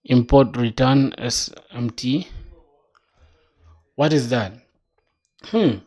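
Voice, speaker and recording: A young man from South Sudan who learned programming on his own talks casually as he codes, thinking aloud, reading the docs and saying "bro." His medium-pitched voice is a little mellow, and he takes his time.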